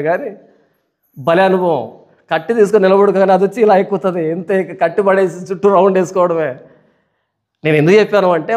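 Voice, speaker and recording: A male pastor giving a Bible study sermon, telling stories and asking rhetorical questions. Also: high voice. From India. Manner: animated storytelling with rhetorical questions.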